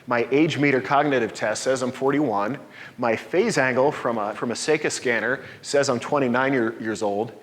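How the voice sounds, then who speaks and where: A man's voice: medium pitch, normal speed. Man in his forties lecturing in a reverberant hall. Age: 40s. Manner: explanatory, personal, upbeat. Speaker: presenter. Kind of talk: conference talk with slides. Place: dark lecture hall, standing at a podium. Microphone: podium mic from a distance.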